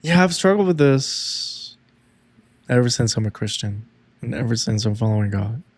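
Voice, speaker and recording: A man co-hosting a faith podcast, talking in a halting, reflective way about his own struggles. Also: mid-range voice, lively intonation, no echo. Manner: slow, reflective, halting, with frequent "yeah" backchannels. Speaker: podcast co-host. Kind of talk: casual faith talk.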